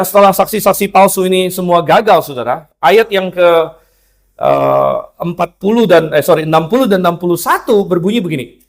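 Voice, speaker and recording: A male pastor preaching a sermon to a church congregation, telling stories with animation and often addressing his listeners directly. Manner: animated storytelling, jumps high to act out quoted characters. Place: church service.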